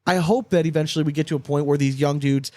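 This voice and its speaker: A man's voice: fairly high pitch, fairly even intonation, quick pace, dark tone, no room sound. A man hosting a casual podcast conversation, talking informally and repeating himself for emphasis. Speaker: podcast host.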